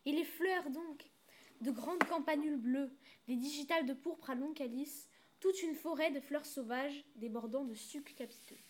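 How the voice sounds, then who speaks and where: A woman reading a storybook aloud in a clear, expressive way. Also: sits high, moderate pace, slight background noise.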